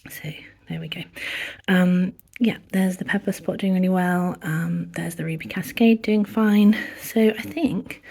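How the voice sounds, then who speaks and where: Soft-spoken woman with a cold. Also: mid-range voice, creaky. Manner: soft, half-whispered, hesitant with many ums. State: has a cold, short of breath. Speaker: houseplant vlogger. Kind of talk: casual plant tour. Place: indoors at home among houseplants.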